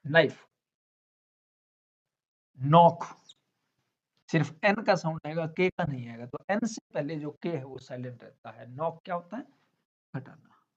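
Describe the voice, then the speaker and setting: A man's voice: fairly high pitch, lively intonation, unhurried, long pauses. A male teacher explaining English silent letters in a classroom lesson. He asks questions and answers them himself, step by step. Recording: dull lo-fi sound.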